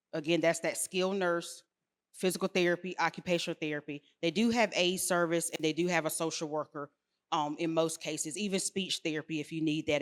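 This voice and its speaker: Lively woman telling caregiving stories. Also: sits low. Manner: lively storyteller, laughs often, acts out dialogue. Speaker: home care company representative. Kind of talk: casual panel discussion.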